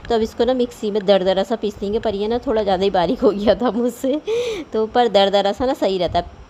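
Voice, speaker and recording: Mellow-voiced woman rambling on about her cooking, homey chatty vlog, bit of hiss behind. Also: mid-range voice, fairly quick. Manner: chatty, rambling, homely storytelling. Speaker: vlogger. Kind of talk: casual voice-over cooking vlog.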